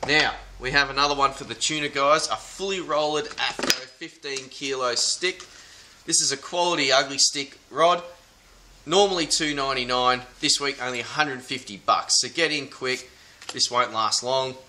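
A young Australian man co-hosting a fishing report in a tackle shop, calling out local catches and specials in a brisk promotional way. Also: mid-range voice, steady tone, sharp tone, a little hiss or hum. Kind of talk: casual product and fishing report. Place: inside a large tackle shop. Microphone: camera at close range.

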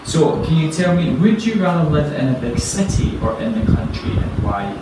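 A man in his thirties examining a student's spoken English, talking slowly and clearly with patient encouragement, in a small office. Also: fairly high pitch, sing-song. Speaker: English speaking-test examiner. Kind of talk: spoken language exam interview. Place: small indoor office room. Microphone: far camera. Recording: echoey room, far from mic, loud noise.

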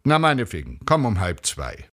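A man's voice: fairly low pitch, huge pitch swings, moderate pace, a bit bright, pitched above the performer's own voice. A man playing a smug, teasing husband. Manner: teasing, self-satisfied.

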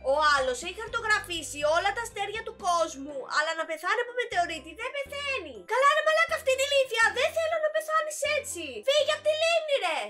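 A young woman giving excitable, playful and foul-mouthed commentary while playing a video game. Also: very high-pitched. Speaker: gaming YouTuber. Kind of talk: casual gameplay commentary.

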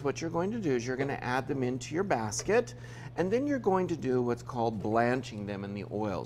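A man's voice: medium pitch, a little hiss or hum. A man in his fifties from Utah hosting a TV cooking segment, chatting through each step as he cooks in a studio kitchen. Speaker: TV cooking show host. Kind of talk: cooking demonstration.

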